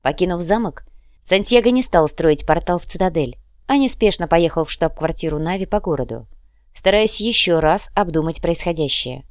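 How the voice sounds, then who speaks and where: A woman narrating an urban fantasy audiobook with a steady, even reading. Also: lowish voice, moderate pace, no echo, studio quality.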